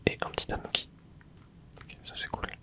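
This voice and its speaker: Breathy and fully unvoiced, a gaming creator whispers along to an ASMR let's play. The commentary runs at normal speed, gentle and easygoing, carried by short comments and small interjections.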